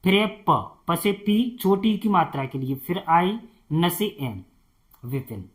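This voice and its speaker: Slow patient tutor. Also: male voice, high-pitched, expressive. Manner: slow, repeats each word, asks and answers his own questions. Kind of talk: spelling lesson for beginners.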